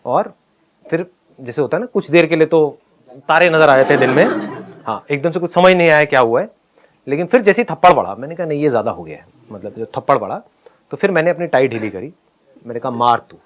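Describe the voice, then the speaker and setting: Animated Hindi-speaking man telling a story. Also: fairly high pitch, fast, a little hiss or hum. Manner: animated, laughs while telling, acts out quoted lines. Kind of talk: casual storytelling.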